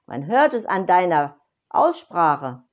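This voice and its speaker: Accusing crowd of bystanders, high, loud, insistent, voiced by a woman storyteller. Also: sing-song, slow.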